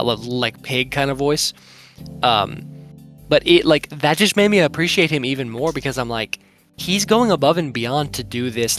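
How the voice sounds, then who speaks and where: A man's voice: medium pitch, fairly bright tone. Young male co-host, loose filler-laden delivery, faint background music. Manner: rambling, heavy use of "like" fillers. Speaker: podcast co-host. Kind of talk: casual anime review chat.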